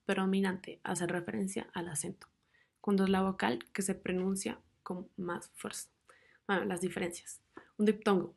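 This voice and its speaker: A young woman, a student presenter, narrating a class presentation and reading out rules and lists of example words in a measured way. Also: mid-range voice, creaky.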